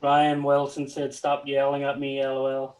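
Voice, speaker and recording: A man's voice: medium pitch, monotone, a little slow, darkish tone, poor audio. A man co-hosting a casual livestream in an easygoing, teasing way, welcoming viewers. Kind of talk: casual live chat.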